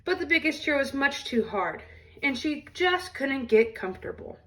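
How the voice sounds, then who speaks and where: A woman reading a children's storybook aloud in an expressive storytelling style. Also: sits high, normal speed, distant mic, rough recording.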